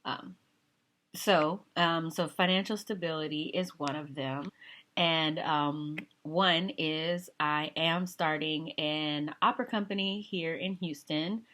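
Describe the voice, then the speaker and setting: Woman in her 30s with a low speaking voice, vlogger, chatty and self-mocking, slips into whispered asides. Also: steady tone, slow pace, a bit bright. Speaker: vlogger and opera singer. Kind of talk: casual talk to camera.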